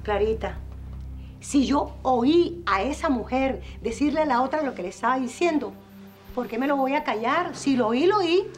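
A woman's voice: high voice, normal speed, a little hiss or hum, lightly acted. An actress with a Venezuelan accent playing a blunt, insistent godmother who spreads what she heard, in a telenovela. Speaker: godmother Celeste. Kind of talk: telenovela acting.

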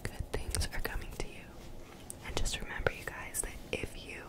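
A young woman whispers soothing, repetitive, encouraging ASMR affirmations close to the microphone. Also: moderate pace. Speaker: ASMR video creator. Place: small bedroom, indoors. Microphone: desktop condenser mic, very close.

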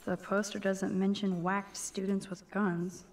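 A woman playing a soft-spoken young student. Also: mid-range voice, flat delivery, measured pace, slight background noise, close to an everyday voice. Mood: earnest. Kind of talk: video game voice acting.

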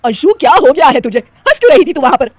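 A woman voicing a touchy middle-aged mother-in-law in a cartoon, scolding loudly and sounding exasperated. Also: sits high, big pitch swings, racing, no echo, voice pushed up.

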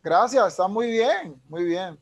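A man's voice: sits high, animated, slow. A man, an English teacher explaining punctuation patiently over a video call. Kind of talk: online class explanation.

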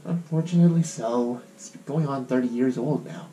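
A man voicing a kindly old grandmother who runs a shop in a game, speaking slowly and softly. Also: mid-range voice, close to an everyday voice. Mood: gentle. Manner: slow, soft old-lady delivery. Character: kindly old grandma shopkeeper, gentle and homely. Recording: guitar music playing behind.

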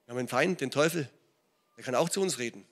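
A man's voice: mid-range voice, fast, a bit bright. A middle-aged man with a German accent, preaching a sermon in a church and often checking in with his listeners. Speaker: pastor. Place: church hall.

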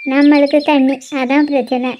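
A woman's voice: high-pitched, little pitch movement, moderate pace, muffled recording, a little hiss or hum. A woman voices chatty village women in a cartoon. Her delivery is chatty and coaxing. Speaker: cartoon voice artist. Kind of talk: cartoon dialogue voicing.

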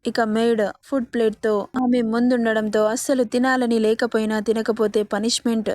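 A woman narrating a story as a steady reading. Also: on the high side, normal speed.

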